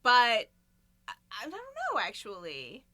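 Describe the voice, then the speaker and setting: Woman, podcast co-host, casual book chat, chatty, laughs a lot, lively swooping pitch, dry close sound. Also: slow, no echo. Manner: chatty, laughs often between thoughts.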